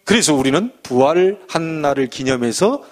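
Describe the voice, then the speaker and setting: A middle-aged man preaching a sermon as a pastor, animated and acting out the voices he quotes. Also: fairly high pitch, normal speed.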